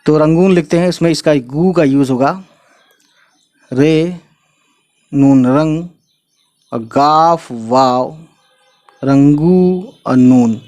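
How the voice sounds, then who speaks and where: A man's voice: a little high, darkish tone, no echo. A man patiently teaching Urdu letters step by step in an explanatory lesson, often checking in with the listener.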